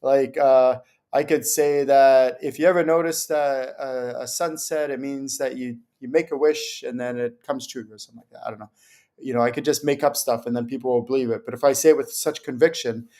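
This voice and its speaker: A man's voice: medium pitch, steady tone, fairly quick, dark tone. A man hosting a spiritual question-and-answer livestream, explaining in a loose, rambling way and acting out little anecdotes. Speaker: spiritual teacher hosting a Q&A show. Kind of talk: casual livestream talk.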